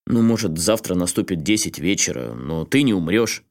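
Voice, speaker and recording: A man voicing a calm, doubtful middle-aged man who answers in a level, skeptical way. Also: sits low, normal speed, vocal fry.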